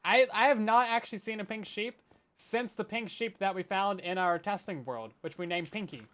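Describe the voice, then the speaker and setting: In casual live-stream commentary, a man plays a game and talks with his chat at a moderate pace. His voice is high with a fairly bright tone, and he's playful, laughing often.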